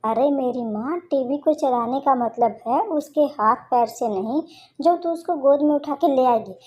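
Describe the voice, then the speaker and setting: A woman voicing a fed-up middle-aged mother-in-law from a cartoon story, scolding and grumbling in a high, mellow voice. She sounds put-upon and quick to complain. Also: breathy edge. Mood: exasperated. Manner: exasperated, scolding.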